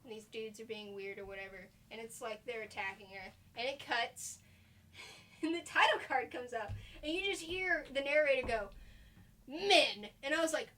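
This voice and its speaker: High-voiced young woman, animated chat. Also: moderate pace. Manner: animated, rambling storyteller. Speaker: podcast host. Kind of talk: casual chat.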